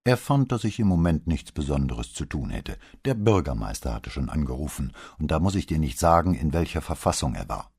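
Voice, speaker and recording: A man narrating a crime novel audiobook in a measured storytelling manner. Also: extremely low pitch, big pitch swings, darkish tone, breathy edge. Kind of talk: scripted narration.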